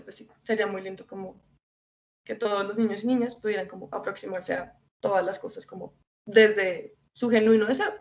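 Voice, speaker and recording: A woman, an invited speaker giving an informal educational talk, conversational, with many fillers and light laughs. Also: medium pitch. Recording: dull lo-fi recording.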